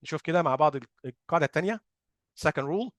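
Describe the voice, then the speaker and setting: A man's voice: fairly high pitch, expressive, a bit bright, no room sound. A man with an Egyptian Arabic accent teaching phonics in an explanatory lesson, posing questions and answering them himself and drawing out example sounds. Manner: drawn-out sound demonstrations.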